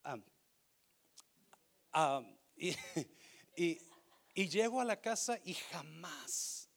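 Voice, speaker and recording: A man preaching a sermon, swinging between loud emphatic lines and soft, hushed storytelling, with bits of English mixed in. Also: a little high, gravelly.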